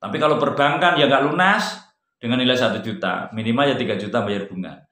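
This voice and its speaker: A man gives a casual religious lesson in a mid-range voice. He talks conversationally, pushing up to loud emphatic peaks and then dropping to soft, low remarks. The recording has a noticeable roomy echo. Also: quick pace. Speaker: religious teacher. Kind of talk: informal religious study talk.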